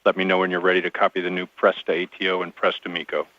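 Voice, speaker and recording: A man's voice: low voice, monotone, rapid-fire, very noisy. A man working as capsule communicator at mission control, giving clipped procedural callouts over a radio communicator link. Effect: radio transmission, like a communicator link. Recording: dry, dull lo-fi radio channel.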